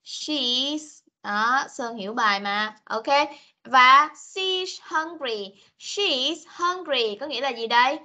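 Teacher, woman, high bright voice, patient and coaxing with little kids, video-call sound. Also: animated. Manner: patient, coaxing, switches between Vietnamese and slow English. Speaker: English teacher. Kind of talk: online class for young children.

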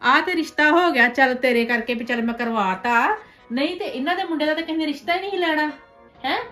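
Actress as meddling village aunt: high voice, gossipy, scolding, scheming; web series drama. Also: female voice, fast, fairly bright tone, faint music behind. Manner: gossipy, scolding, ends remarks with "haiṅ?". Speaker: paternal aunt.

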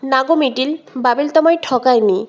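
A soft-spoken young bride, read out by a woman narrator. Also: high voice, brisk, dull audio, natural voice. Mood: earnest. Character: young bride, gentle and affectionate, eager.

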